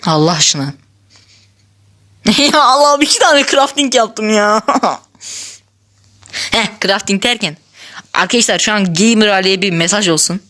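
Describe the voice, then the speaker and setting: A woman gives casual commentary over a block-building game, chatty and quick to laugh. She talks straight to her viewers at a middle pitch, jumping between excitement and playful grumbling. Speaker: gaming channel host.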